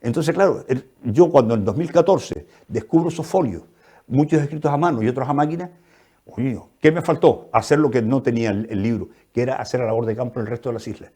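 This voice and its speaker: A man's voice: mid-range voice, quick pace, warm tone, husky. A man from the Canary Islands with a Canarian accent, an author being interviewed on a television program, who tells stories with animation and acts out the voices he quotes. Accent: Canarian Spanish. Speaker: author guest. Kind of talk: interview conversation. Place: TV studio.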